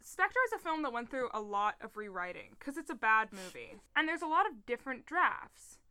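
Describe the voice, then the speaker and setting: A woman co-hosts a podcast, chatting in an animated way with frequent laughs and now and then reading a passage aloud. Her voice is bright and clear, recorded on a close podcast mic. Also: a little high, moderate pace. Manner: laughing, animated, swears casually. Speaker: podcast co-host.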